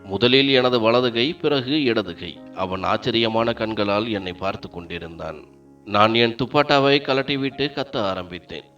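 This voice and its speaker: Low-voiced man narrating a drama. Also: moderate pace. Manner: steady dramatic storytelling. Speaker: storyteller. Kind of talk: dramatic first-person story narration. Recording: dull lo-fi sound, faint background music.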